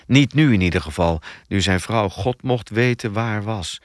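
A man narrating a thriller audiobook in an expressive storytelling manner. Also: fairly low pitch, moderate pace, no echo, studio quality.

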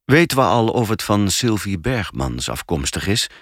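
An impatient male police detective, read by a man, restless and grumbling. His voice is on the low side but rises and falls a lot. It is recorded dry and close, with soft music in the background. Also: very animated, moderate pace, no room sound. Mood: frustrated.

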